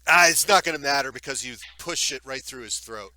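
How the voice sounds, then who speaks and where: A man's voice: medium pitch, fairly quick, a crowd in the background. A man narrating as game master in a live tabletop game, describing combat with easy humor. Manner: relaxed, laughing, describing combat.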